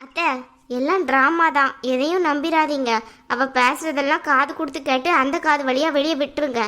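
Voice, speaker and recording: A woman voicing a scornful sharp-tongued young woman. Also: sits high, steady tone, moderate pace. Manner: sarcastic, scornful. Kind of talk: animated family drama dialogue.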